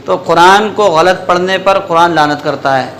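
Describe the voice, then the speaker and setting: Bright, high-voiced man teaching a class. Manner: quizzes the class and repeats their answers; stretches out syllables slowly when demonstrating recitation. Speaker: Quran recitation teacher. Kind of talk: classroom lesson with call-and-response.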